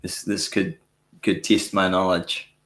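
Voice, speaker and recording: Male streamer host, lower voice, loose rambling delivery with frequent chuckles, roomy echo. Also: flat delivery, slow pace, a bit bright. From New Zealand. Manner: rambling, self-correcting, chuckles often. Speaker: livestream host answering viewer questions. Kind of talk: casual live Q&A chat. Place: home studio.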